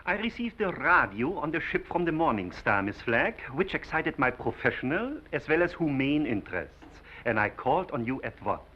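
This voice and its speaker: An actor playing a pompous, self-important specialist doctor, formal and declamatory in 1930s screwball film style. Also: male voice, a little high, big pitch swings, normal speed, few pauses. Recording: muffled, hissy 1930s film soundtrack.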